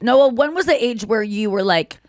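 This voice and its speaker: A woman's voice: on the high side, expressive, normal speed, a little mellow, no echo. A woman in her late thirties hosting a podcast, chatting casually and jokily in a rambling way. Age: 30s. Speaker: podcast host. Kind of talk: casual chat.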